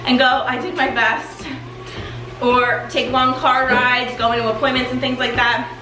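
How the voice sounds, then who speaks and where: A woman with a fairly high voice gives a motivational, conversational coaching talk while walking in place for exercise. She is in a very echoey room, with music clearly playing underneath. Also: flat delivery, measured pace, pushed and bright. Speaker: weight loss coach and host. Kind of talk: motivational chat to followers.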